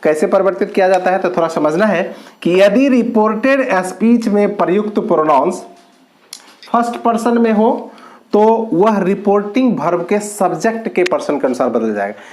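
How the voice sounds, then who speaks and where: A man teaching an English grammar lesson, explaining slowly with drawn-out words and repeated points. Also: high voice, lively intonation, darkish tone.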